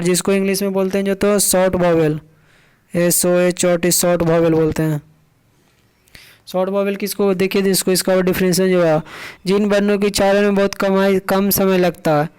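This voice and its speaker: High-pitched, flat-voiced male teacher. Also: smooth. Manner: repeats points, asks friends questions and answers them himself. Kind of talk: classroom grammar lesson.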